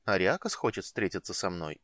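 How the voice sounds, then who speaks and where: A male audiobook narrator voicing a reserved, proud young mage who speaks curtly and calmly. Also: low voice, brisk, dry recording, clean studio sound, full character voice. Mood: guarded. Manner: curt, calm, guarded. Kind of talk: audiobook reading.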